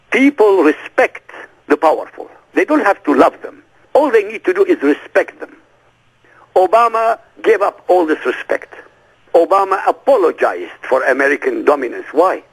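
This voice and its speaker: A radio interview guest whose first language is Arabic presses his points insistently, firing off rhetorical question after question. His high voice swings widely and is gravelly and husky. The audio is poor.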